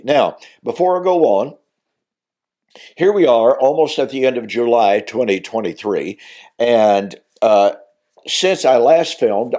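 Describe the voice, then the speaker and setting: An older man, a minister teaching on video, speaks in a medium-pitched, somewhat dark voice that is still weak as it recovers from having been lost. His Bible teaching monologue is earnest, turning emphatic at the key points.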